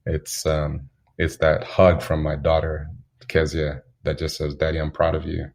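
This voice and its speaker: Very deep gravelly man from Zambia. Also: completely flat delivery, a little mellow. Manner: unhurried, anecdotal, chuckles while telling stories. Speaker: guest. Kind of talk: reflective storytelling in an interview.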